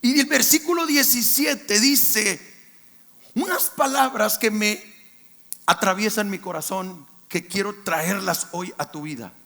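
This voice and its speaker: A male pastor with a Mexican accent preaching a sermon in a colloquial way, bursting into shouts for emphasis. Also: high voice, unhurried, gravelly.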